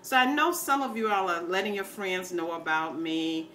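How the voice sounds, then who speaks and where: An older American video blogger rambles casually to her viewers, folksy, opinionated and plain-spoken, and she calls them "baby." Her voice is fairly low and a bit bright, at a moderate pace. The recording is rough, with slight background noise.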